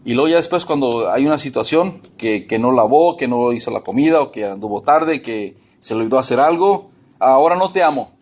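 Emphatic pastor preaching. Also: male voice, medium pitch, lively intonation, brisk, few pauses, a little mellow. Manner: emphatic, repeats words, asks the congregation questions. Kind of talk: sermon.

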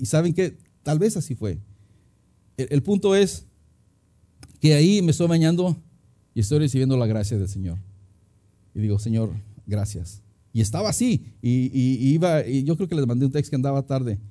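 Dark-voiced pastor preaching casually. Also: male voice, mid-range voice. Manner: conversational preaching, acts out anecdotes, many restarts. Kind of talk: sermon.

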